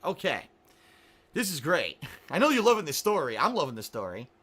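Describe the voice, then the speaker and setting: Exasperated man ranting a story, lively pitch. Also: normal speed, breathy edge. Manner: exasperated, sarcastic, swears, acts out quoted people. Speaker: vlogger. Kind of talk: angry storytelling rant.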